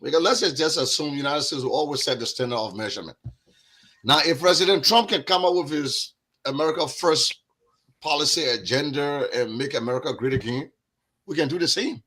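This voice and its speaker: A man's voice: on the high side, fairly quick, bright, forceful tone, slightly rough. A man with a Liberian accent, a guest on a discussion podcast, talking earnestly and repeating words as he builds his point.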